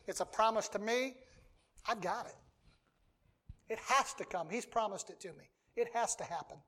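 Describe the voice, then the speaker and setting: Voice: mid-range voice, normal speed, pushed and bright. A preacher delivering a sermon, reading scripture aloud and driving points home by repeating key phrases.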